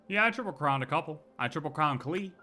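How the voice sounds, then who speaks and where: Over game music, this male streamer rambles casually through his livestream gameplay, often posing questions to himself and then answering. His voice is on the high side and sharp-toned, with lively intonation at a normal speed.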